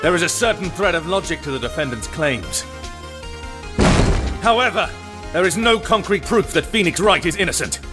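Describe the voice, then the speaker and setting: A man acting a haughty, calculating prosecutor in a video game drama, formal, smug and deliberate. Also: on the high side, lively intonation, lightly acted. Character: haughty, calculating male prosecutor, coolly superior. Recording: music clearly under the voice.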